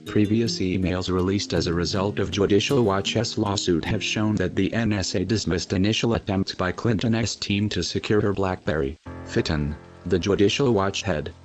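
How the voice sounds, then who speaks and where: A man reading a news report in a steady, measured way through a disguised deep voice changer. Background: music.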